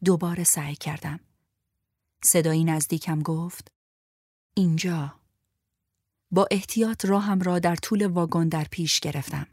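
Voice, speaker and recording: A woman narrating a first-person audiobook in a measured, restrained storytelling voice. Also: fairly low pitch, darkish tone, dry recording, clean studio sound.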